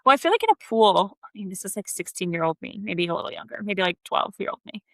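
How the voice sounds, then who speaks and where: A young Texas woman co-hosts a podcast, chatting casually in a bubbly way and dropping "like" constantly. Her medium-pitched voice swings widely in pitch at a moderate pace, with no echo in the recording.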